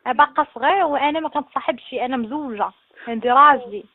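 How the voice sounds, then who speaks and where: A Moroccan woman talking over a landline phone, brisk and scolding, quick to lose patience. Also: high voice, husky, dry recording. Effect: heard over a landline phone. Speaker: phone call recipient. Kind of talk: casual phone call. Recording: tinny dry phone line.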